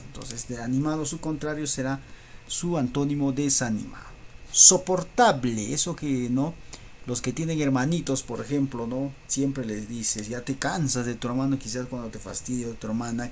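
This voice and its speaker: Teacher, recorded lesson, patient step-by-step explaining, frequent tag questions, faint background noise. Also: mid-range voice.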